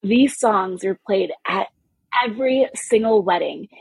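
A woman from California, a podcast guest telling animated personal stories in casual chat. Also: mid-range voice, measured pace, gravelly, breathy edge, no room sound, low-quality recording. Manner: animated, expressive storytelling.

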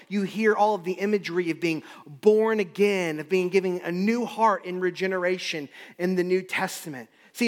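A man's voice: high voice, in a large hall. A man preaching a sermon as pastor, with an emphatic, repetitive cadence.

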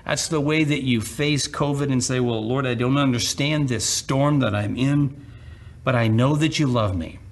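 A man preaching a sermon as a pastor, speaking with emphatic phrasing, dramatic pauses and acted-out quotations. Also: medium pitch.

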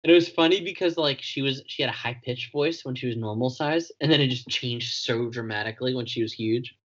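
A man in a relaxed, unhurried conversation, talking through a story with lots of "like" and "um." His voice sits in an ordinary middle range. The sound is slightly dull and lo-fi. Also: medium pitch, slightly rough. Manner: laid-back, laughs often, recaps plot with fillers. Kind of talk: casual chat.

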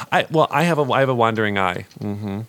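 A man's voice: lowish voice, animated, moderate pace, fairly bright tone. A man speaking as a campy, theatrical drag queen co-host in a casual comedic podcast chat. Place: recording studio.

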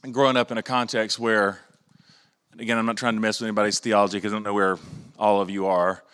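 A man's voice: mid-range voice, a bit bright. A man preaching a sermon in an earnest, reflective way, often restarting phrases and briefly mimicking other voices. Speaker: pastor.

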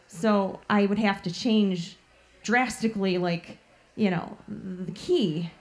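A Chicago blues guitarist and singer, a woman, chats in a casual interview, filling her talk with "like" and "you know." Her voice sits mid-range and she speaks slowly.

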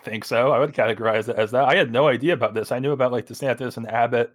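A man joins a casual political chat, dropping dry, wry jokes and the occasional swear. His voice sits at an ordinary middle pitch. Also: steady tone, rapid-fire.

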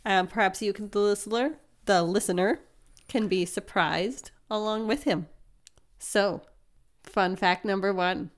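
A woman's voice: medium pitch, unhurried. A woman hosting a podcast, explaining things in an upbeat, conversational way with frequent laughs. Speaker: podcast host. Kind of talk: casual chat.

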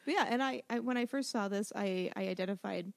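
A woman's voice: mid-range voice, fast talker, gravelly, no room sound, clean studio sound. Easygoing woman podcast co-host. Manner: relaxed, agreeable, trails into filler phrases. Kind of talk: casual chat.

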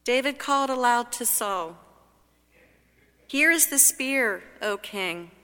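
A woman reading scripture solemnly at a church service, with measured, deliberate phrasing, in a cathedral-like echo. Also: on the high side, animated, bright, forceful tone, clear, resonant tone. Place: large reverberant church. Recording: cathedral-like echo, long reverb.

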